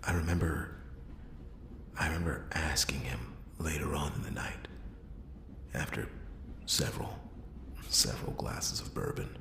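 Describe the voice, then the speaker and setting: A man voicing a world-weary noir detective in a whispered role-play, brooding and halting, with dramatic pauses and a gravelly, breathy voice. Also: a bass voice, echoey room, exaggerated voice. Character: world-weary male noir detective piecing together a murder.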